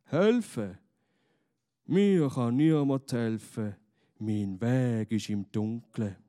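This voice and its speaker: A man voicing a big, gloomy stranger who speaks slowly and grumbles in a storybook reading. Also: mellow. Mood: melancholy. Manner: deep, slow and grumbling.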